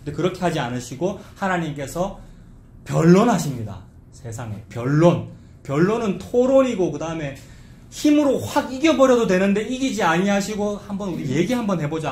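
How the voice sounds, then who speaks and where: A man's voice: on the high side, darkish tone, a little hiss or hum. A man preaching an expository sermon, talking in a conversational way and asking the congregation questions. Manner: acts out quoted complaints in a mocking dialect voice. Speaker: pastor. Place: church sanctuary. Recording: echoey church room, faint ambience.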